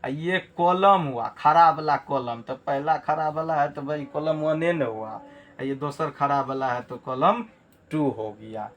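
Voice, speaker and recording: A man's voice: a little high, measured pace, a bit bright. A man teaching a math lesson, repeating key terms and asking rhetorical check questions. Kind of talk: classroom lesson.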